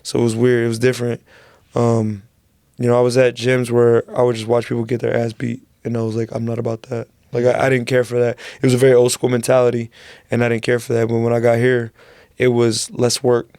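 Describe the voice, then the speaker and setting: A man from San Antonio, Texas, appears as a guest striking coach in a podcast studio, rambling casually with plenty of slang and "bro." His medium-pitched voice is dark, monotone, and a little fast, captured on a dry, studio-quality recording.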